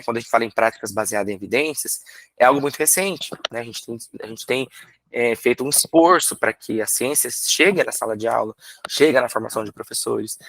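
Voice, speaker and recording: A man's voice: medium pitch, fairly bright tone, no room sound. Man teaching, dry close sound. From Brazil. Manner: explanatory, rhetorical questions, drawn-out syllable demonstrations. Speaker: literacy teacher and lecturer. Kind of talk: recorded workshop lecture.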